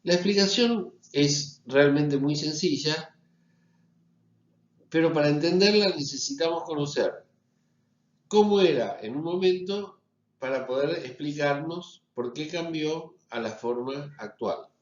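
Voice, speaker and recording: A man with a Rioplatense accent lectures in a slow, patient way, pausing to check that his students follow. His voice sits in an echoey room and the recording sounds a little dull. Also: a little high. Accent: Rioplatense Spanish. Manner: explanatory, checks in with frequent "¿sí?". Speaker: university lecturer.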